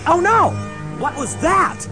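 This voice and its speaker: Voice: very high voice, sing-song, takes it slowly, full character voice. Casting: performer to play naive young space crewman, swooping intonation, hesitant, parody with music behind. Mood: dopey excitement. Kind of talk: comic audio parody of a science fiction film.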